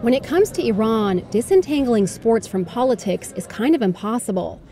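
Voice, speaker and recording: A woman's voice: on the high side, animated, normal speed, mellow. A woman reporter narrating a scripted news feature.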